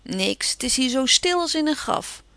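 A woman reading aloud, voicing a shy, lonely teenage boy with a hoarse voice in a storybook. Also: high voice, big pitch swings, moderate pace, bright, forceful tone, no echo, pitched above the performer's own voice, full character voice. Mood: gloomy.

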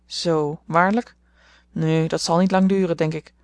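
A woman voicing a sharp-tongued, grumpy old aunt who speaks in a snappish, scolding way. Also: low-pitched, steady tone, unhurried, dry recording.

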